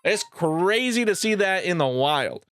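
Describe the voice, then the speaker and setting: Excitable, animated man with a bright voice. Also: high-pitched, measured pace. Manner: excitable, profane, repeats phrases for emphasis. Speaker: reaction streamer. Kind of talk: crude comedic reaction commentary over a video.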